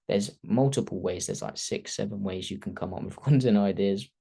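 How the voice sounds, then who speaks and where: A man's voice: lowish voice, normal speed, creaky, mellow, slightly rough. A man teaching a casual personal branding masterclass, talking off the top of his head and tagging sentences with "okay?". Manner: conversational, keeps tagging "okay?", thinks aloud off the cuff. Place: video call.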